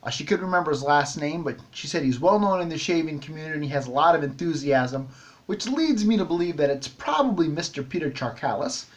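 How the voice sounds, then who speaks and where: A man's voice: a little high, lively intonation, fast. A middle-aged man hosting a shaving vlog, talking casually to camera with many ums and restarts. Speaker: shaving video host.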